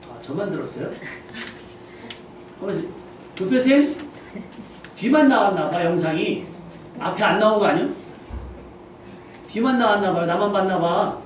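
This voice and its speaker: A man with a high voice preaches in a church sanctuary, talking with the congregation as much as to it. His voice rings through a very echoey hall, heard from some distance off the mic with a faint hiss beneath. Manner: conversational preaching, asks the congregation questions. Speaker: pastor. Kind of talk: sermon.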